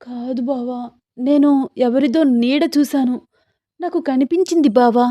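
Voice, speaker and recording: A woman voicing a frightened young wife who pleads in a high, breathless voice. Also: steady tone, unhurried, no echo, lo-fi sound.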